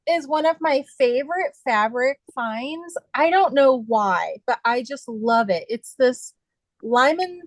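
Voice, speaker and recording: A woman's voice: high voice, animated, takes it slowly, no room sound, low-quality recording. A middle-aged woman chatting casually on a video call, telling rambling stories full of fillers and restarts. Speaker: quilter sharing her sewing. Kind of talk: casual chat.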